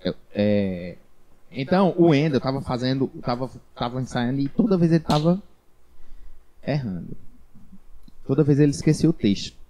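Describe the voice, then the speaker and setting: Middle-aged guy w a mellow voice, dance teacher chatting, keeps restarting his sentences. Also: mid-range voice, expressive, moderate pace, long pauses, low-quality recording. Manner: reflective, rambling with restarts. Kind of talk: casual interview chat.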